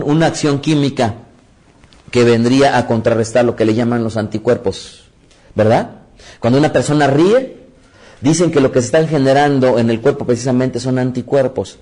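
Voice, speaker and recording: A man preaching a sermon, reading scripture aloud and talking straight to his listeners, his voice rising high and loud when the story gets heated and dropping soft and low afterward. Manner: animated storytelling with sudden rises in pitch and loudness; addresses audience directly, reads scripture aloud.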